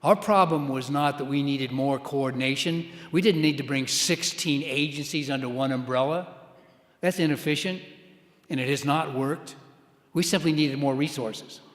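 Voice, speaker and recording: Emphatic American man orating in an echoey hall. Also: a little high. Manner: emphatic, deliberate oratory with rally-speech repetition and cadence. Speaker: keynote speaker, former intelligence official. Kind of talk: formal keynote speech to an audience. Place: large indoor conference hall, amplified. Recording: echoey hall with long reverb.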